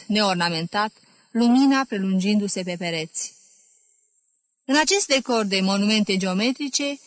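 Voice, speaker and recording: A woman reads a literary novel aloud in a measured, clear voice. Her pitch sits in a middle register. The recording is dry and close-miked, with no room echo. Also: fairly bright tone. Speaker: audiobook narrator. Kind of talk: literary audiobook narration.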